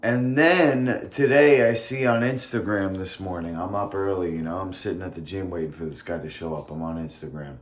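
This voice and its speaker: In a morning vlog, a man chats casually with a low, steady voice at a moderate pace, rarely pausing. His articulation is impeded and slightly thick because he bit his tongue and it swelled. The recording sounds roomy and echoey, with faint noise behind him.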